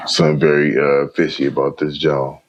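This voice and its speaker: A man's voice: rumbling low, flat delivery, brisk, highs cut off. A man hosting a podcast, reacting in a laid-back, slangy way and calling people "bro" and "man". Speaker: podcast host. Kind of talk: casual reaction chat.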